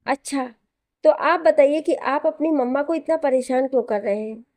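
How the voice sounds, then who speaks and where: A woman voicing a kind young wife who speaks softly and affectionately. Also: high-pitched, normal speed, no echo, close to an everyday voice. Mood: gentle coaxing. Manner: soft, affectionate coaxing. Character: gentle young wife, kind and soft-spoken.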